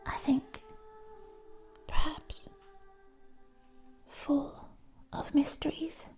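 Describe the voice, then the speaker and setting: A woman whispering a poetic ASMR monologue right in the listener's ear on a close binaural mic, in breathy, deliberate, lyrical phrases with long pauses. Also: sits high, a little mellow, faint music behind. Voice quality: breathy, mostly unvoiced whisper. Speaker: ASMR performer. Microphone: close binaural ASMR microphone.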